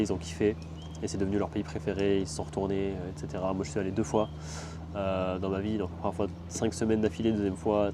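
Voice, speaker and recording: A man's voice: lowish voice, noisy background. A young man telling a travel story in a casual, slangy, rambling way, full of fillers. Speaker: travel vlogger.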